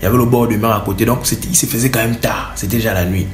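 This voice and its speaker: A man telling a comic story in an animated way, repeating words for effect. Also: fairly low pitch, very fast, echoey room, a little hiss or hum. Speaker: comedian.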